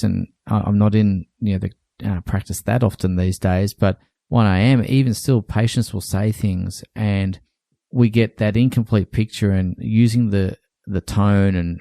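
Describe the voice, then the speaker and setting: A man's voice: deep voice, gravelly, warm tone, dry recording, clean studio sound. A man hosting a podcast as a dentist, thoughtful and summarizing, with many fillers. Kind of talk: conversational podcast interview.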